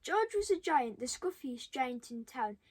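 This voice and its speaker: A young child reading a storybook aloud, stopping for halting, chatty asides to the listeners. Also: high-pitched, very animated, breathy edge. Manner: halting, commenting on pictures to listeners. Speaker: storybook reader.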